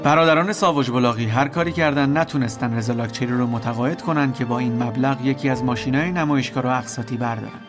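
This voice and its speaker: A man narrating a comedy sketch in a mock-serious, deadpan way. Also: mid-range voice, hardly any pauses. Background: background music.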